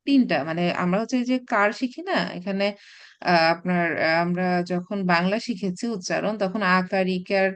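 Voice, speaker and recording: A woman's voice: medium pitch, moderate pace. Patient woman teaching an Arabic class. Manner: patient explaining, frequent fillers and restarts, mixes English terms. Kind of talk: recorded online class lecture.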